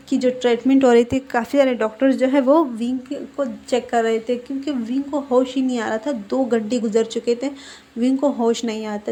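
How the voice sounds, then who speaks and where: Female storyteller, informal retelling of a fan story with fillers, higher pitch, mellow tone. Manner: informal, with fillers, reads out the characters' lines. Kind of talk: casual spoken retelling of a fan fiction story.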